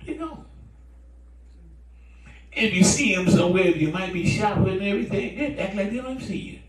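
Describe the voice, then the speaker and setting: Preacher, male, high and animated delivery, call-and-response sermon, echoey hall from afar. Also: quick pace, recorded from a distance. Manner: call-and-response preaching, swinging between soft asides and shouts. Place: church. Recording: echoey church room, mic from afar.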